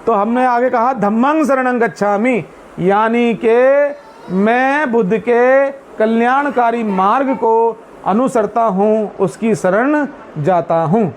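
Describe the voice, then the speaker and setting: A man speaking to a seated community meeting about Buddhist teachings, putting questions to his listeners and answering them himself, and chanting Pali verses slowly. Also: extremely high pitch, a little hiss or hum. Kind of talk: explanatory talk to a seated group.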